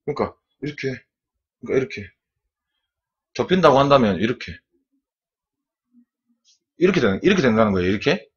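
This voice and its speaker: Fresh from a swim and sweating, this streamer teaches arm strokes live from an indoor room, demonstrating each move with a repeated "like this." He talks fairly quickly in a mid-range voice with big pitch swings, a breathy edge and long pauses, all in lo-fi sound.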